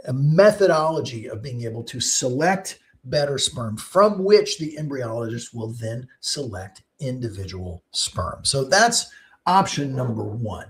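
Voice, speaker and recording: Chatty male doctor explaining fertility. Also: fairly high pitch. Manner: chatty, explanatory, lots of ums and uhs. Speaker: fertility doctor hosting a live show. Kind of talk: live-streamed Q&A talk.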